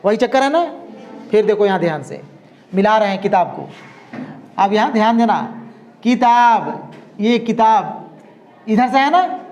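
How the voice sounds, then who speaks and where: A man teaching an Urdu class, explaining slowly and often checking that his students follow. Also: high-pitched. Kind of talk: classroom lesson.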